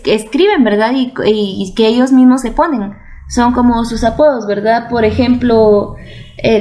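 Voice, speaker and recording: A woman teaching a video lesson to children, patient and explanatory, often checking that they follow and repeating words for emphasis. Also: a little high.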